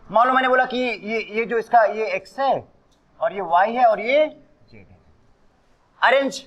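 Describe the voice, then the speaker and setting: High, lively-voiced male chemistry teacher. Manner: mixes Hindi and English, quizzes students with questions. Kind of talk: classroom lecture.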